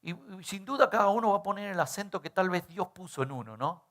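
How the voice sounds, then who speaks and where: A man's voice: high voice, expressive, fast, fairly bright tone. A middle-aged male pastor, preaching in a conversational way and often tagging on rhetorical questions. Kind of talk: sermon.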